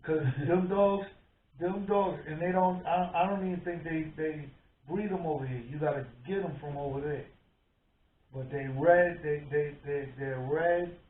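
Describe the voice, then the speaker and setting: A man tells stories as a podcast co-host, acting out every quote. His voice sits a little high. It sounds boomy and tinny, as if picked up across an echoing room. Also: unhurried, slight background noise. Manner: animated storyteller, acts out quotes. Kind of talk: casual chat. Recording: echoey room, tinny phone-like sound, from far off.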